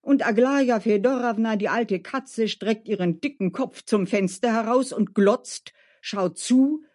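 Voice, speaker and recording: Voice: medium pitch, a little mellow, pitched above the performer's own voice, close to an everyday voice. A storyteller voicing a careful, gloomy male gardener who warns and grumbles, in a storybook reading. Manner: warning, grumbling.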